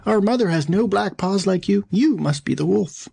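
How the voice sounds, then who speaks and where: A man's voice: high voice, expressive, normal speed, gravelly, warm tone, breathy edge, pitched above the performer's own voice, full character voice. A man voicing young, innocent goat kids from a fairy tale, earnest and wary. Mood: wary, defiant.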